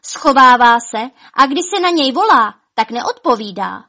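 A woman's voice: medium pitch, expressive, creaky, fairly bright tone, breathy edge, exaggerated voice. A woman voicing a small, earnest male dwarf in a storybook, reporting urgently.

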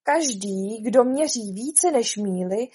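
A woman's voice: a little high, lively intonation, mellow, breathy edge. A woman doing a pompous, blustering storybook king. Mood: stern. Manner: pompous and stern. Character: blustering, threatening old male king acting as judge.

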